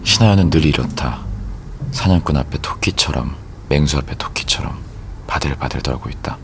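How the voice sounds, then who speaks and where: An extremely low-voiced young man, the composed executive boyfriend of a romance audio drama. He is terse and wry, teasing with understated possessiveness. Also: brisk, faint music behind. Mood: brooding narration. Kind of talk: romance audio drama acting with inner monologue.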